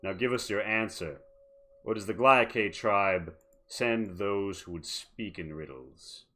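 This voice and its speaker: Man as a slow, sly, taunting wolfish creature. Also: fairly low pitch, pushed and bright, a little hiss or hum. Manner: taunting, formal. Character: sly, predatory wolfish woodland creature with a grin. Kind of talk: tabletop role-play in character.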